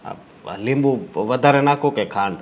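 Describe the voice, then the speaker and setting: A man's voice: mid-range voice, moderate pace, muffled recording, lightly acted. A man acting as a worn-out husband who grumbles and hesitates. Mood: weary. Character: weary husband worn out by his wife's demands.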